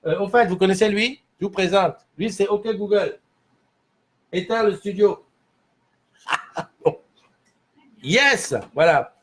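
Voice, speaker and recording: A man's voice: sits high, measured pace, pauses often. A man hosting a casual morning livestream from a small studio, rambling and answering viewer comments as he reads them. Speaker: livestream host.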